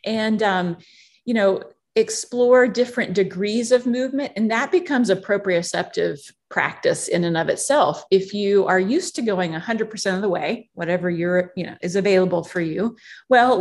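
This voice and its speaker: A woman speaking as a guest on a podcast, with a mid-range voice. She explains ideas in a measured, teacherly way, returning to a point to make it clear. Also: mid-range voice. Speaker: guest, yoga author. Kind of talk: podcast interview.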